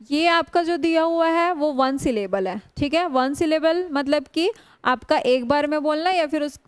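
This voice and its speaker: A woman teaching English grammar in a classroom lecture, drawing out English words slowly and often putting questions to her students. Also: high voice, no echo. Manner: slow, drawn-out spelling of English words; frequent rhetorical questions to students.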